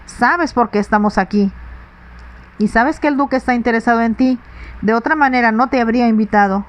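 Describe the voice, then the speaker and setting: A woman voicing an anxious, sensible young stepdaughter, pleading earnestly in a soft, whispered role-play audiobook reading. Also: fairly high pitch, brisk, close to an everyday voice.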